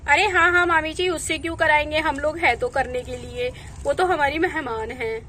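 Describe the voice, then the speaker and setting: A woman's voice: high voice, fairly even intonation, normal speed, sharp tone, soft background music. A woman voicing a polite young village girl. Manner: polite, agreeable. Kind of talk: doll storybook acting.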